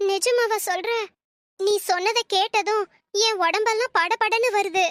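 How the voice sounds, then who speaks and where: A cunning young sister-in-law from a cartoon story, voiced by a woman, very high and bright. She coaxes and persuades in a sweet, conspiratorial tone. The recording is dry and close. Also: measured pace, dry recording, faint music behind. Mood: coaxing.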